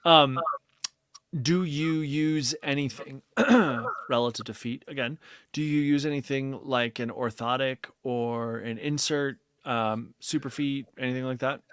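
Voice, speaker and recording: A man's voice: medium pitch, unhurried, a bit bright, clear, resonant tone, dry recording. A man talks through a casual podcast chat in a mid-range voice, recorded dry and close with no room behind him. He explains at length, circling back with fillers and restarts. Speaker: podcast co-host.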